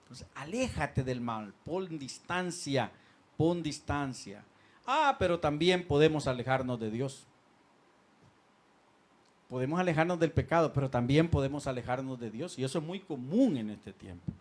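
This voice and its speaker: A male pastor preaching a sermon in a church on a handheld microphone, swinging from loud calls to quiet asides. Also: medium pitch, lively intonation, normal speed.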